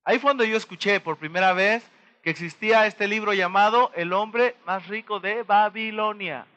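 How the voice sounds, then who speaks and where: A man with a Mexican accent giving a motivational talk to an audience, pausing to throw them rhetorical questions and act out little dialogues. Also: high-pitched, bright, forceful tone, dull audio. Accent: Mexican Spanish. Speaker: motivational speaker.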